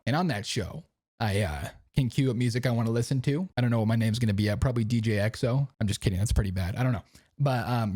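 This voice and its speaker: A man's voice: medium pitch, dark tone, no room sound, studio quality. A young man hosting his own podcast, talking casually and rambling in slang, often asking "you know what I mean". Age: young adult. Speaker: podcast host. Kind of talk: casual chat. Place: home recording setup.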